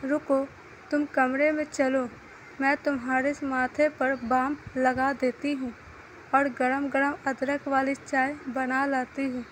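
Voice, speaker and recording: A woman's voice: high voice, little pitch movement, takes it slowly, a little hiss or hum, rough recording. A woman voicing a tender young bride caring for her husband, in a read-aloud story. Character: sweet devoted young bride.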